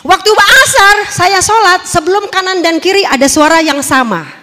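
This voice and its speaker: High-voiced woman, animated testimony to the congregation, in a reverberant hall. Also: moderate pace, heavy background noise. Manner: lively, animated storytelling, addressing the audience directly. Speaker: testimony speaker.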